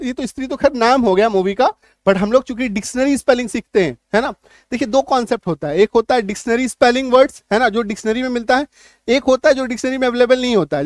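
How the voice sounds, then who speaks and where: A male English teacher giving a video lesson in Hindi, drilling letter sounds loudly and asking rhetorical questions to check understanding. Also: extremely high pitch, no room sound. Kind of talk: classroom-style video lesson.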